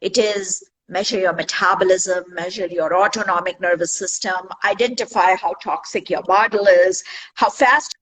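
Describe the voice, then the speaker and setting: A woman doctor answering in a live online interview, her call audio choppy and breaking up, speaking in halting phrases. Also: medium pitch, fairly even intonation, fairly bright tone, poor audio. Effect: choppy, glitching call audio breaking up. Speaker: doctor, guest.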